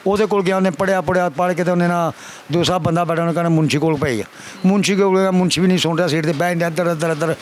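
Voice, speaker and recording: A man's voice: on the high side, steady tone, very fast, a little hiss or hum. An older man with a Pakistani Punjabi accent, giving a pleading, repetitive account to a reporter and often calling the listener sir. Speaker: complainant father. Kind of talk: emotional testimony to a reporter.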